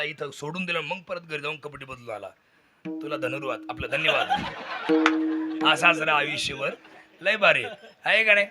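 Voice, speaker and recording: A man giving a humble, folksy thank-you speech at the close of a devotional kirtan, often asking the crowd to agree with him. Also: fairly high pitch. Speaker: kirtan performer.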